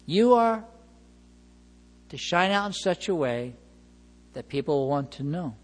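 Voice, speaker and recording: A man's sermon, his voice sitting a little high for a man as he reads scripture and presses each point with expressive emphasis. The sound carries a long reverb, as if from a church sanctuary. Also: a little slow. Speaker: pastor.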